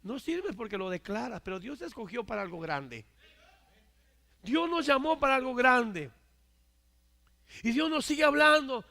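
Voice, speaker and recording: A male preacher delivering a sermon, emphatic, swinging from loud declarations to hushed asides and often asking his listeners for agreement. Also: very high-pitched, lively intonation, moderate pace, vocal fry, pauses often. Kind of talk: Spanish-language church sermon.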